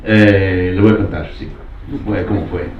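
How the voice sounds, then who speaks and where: A non-native speaker of English whose first language is not Spanish, a documentary filmmaker speaks reflectively on a panel, sharing a personal account and hesitantly searching for words. His deep voice has fairly even intonation and a normal pace. The roomy venue and distant mic make the recording echoey, dull, and faintly noisy.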